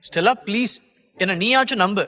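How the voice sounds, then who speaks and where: A man's voice: high voice, fairly quick, bright, forceful tone, big-room sound. A man voicing a cornered young man who pleads with his lover to trust him, in an audiobook. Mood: pleading. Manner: earnest, pleading, reassuring.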